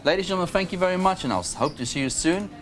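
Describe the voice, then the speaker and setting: A man's voice: sits high, animated, rapid-fire, faint music behind. A man with a South African accent, enthusiastically promoting shop events like an upbeat salesman. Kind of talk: upbeat promotional announcements in chat.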